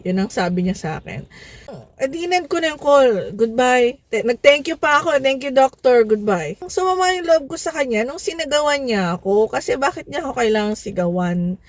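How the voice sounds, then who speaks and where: A woman from the Philippines with a slightly high voice tells a personal story in a loose, conversational way. She is a young adult vlogger who leans on fillers and little tag questions to keep her viewers with her. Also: dry recording. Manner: chatty, fillers like "parang" and "no?". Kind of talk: casual storytelling.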